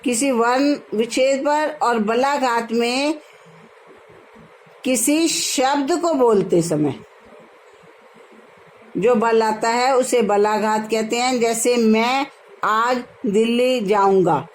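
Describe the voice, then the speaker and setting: Slow, patient woman teacher. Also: fairly high pitch, low-quality recording. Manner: slow, patient, addresses students as "beta". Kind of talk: explaining a grammar lesson to students.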